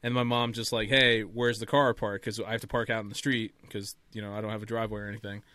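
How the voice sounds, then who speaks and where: A man chatting casually on a podcast call, telling an animated story and laughing as he talks. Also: lowish voice, racing, no room sound. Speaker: podcast co-host. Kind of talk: casual chat.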